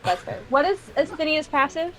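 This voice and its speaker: Chatty woman game master, high voice. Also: moderate pace, a bit bright, faint music behind. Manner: casual and chatty, with loose filler words. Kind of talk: running a tabletop game.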